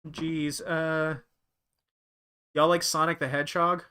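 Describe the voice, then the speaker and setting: Bright, clear-voiced male streamer rambling. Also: on the high side, flat delivery, slow pace. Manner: rambling, thinking aloud with many fillers. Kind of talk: casual live-stream chatter.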